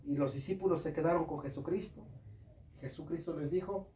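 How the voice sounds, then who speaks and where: Fervent preacher in echoey room. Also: male voice, on the high side, a little fast, dark tone. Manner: fervent, addresses listeners as brothers. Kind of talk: sermon. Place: home service room. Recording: echoey room, from far off, faint ambience.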